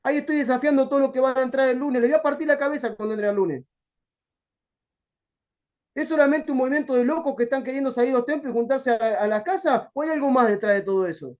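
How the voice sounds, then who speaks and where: A man with a Rioplatense accent, a pastor giving a colloquial, lively Bible study sermon and acting out bits of dialogue. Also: very high voice, fast talker. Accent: Rioplatense Spanish. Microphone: video call. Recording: dull lo-fi video call audio.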